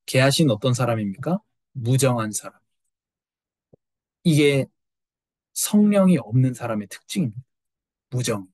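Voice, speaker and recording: Male pastor, middle-aged, sermon, rhetorical questions, fairly high voice, dry close sound. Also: no echo. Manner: animated preaching with rhetorical questions.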